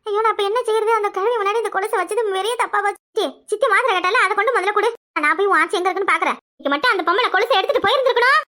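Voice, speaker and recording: A woman voicing a loud, quick-tempered village mother in a cartoon, with a southern Tamil village accent and shrill, fast exclamations. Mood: panicked. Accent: southern Tamil Nadu village Tamil. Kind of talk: cartoon voice acting.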